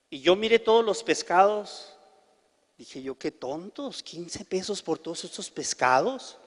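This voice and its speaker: Male preacher, high voice, lively storyteller, hall echo. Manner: animated storyteller acting out dialogue. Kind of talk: storytelling sermon.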